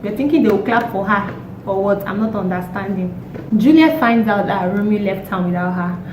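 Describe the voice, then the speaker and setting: A young woman, hoarse from a cold, chatting casually and emphatically as a vlogger with exasperated rhetorical questions. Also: medium pitch, normal speed, a little mellow. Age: young adult. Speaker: YouTube vlogger. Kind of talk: casual opinionated chat. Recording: roomy echo, distant mic, faint noise.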